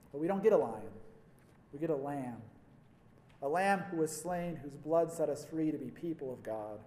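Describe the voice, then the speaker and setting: A man delivers a sermon in a fairly high voice, telling stories and slipping in wry asides. His words ring out with the long reverb of a large hall. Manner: storytelling, wry asides, varied emphasis. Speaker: preacher. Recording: echoey hall.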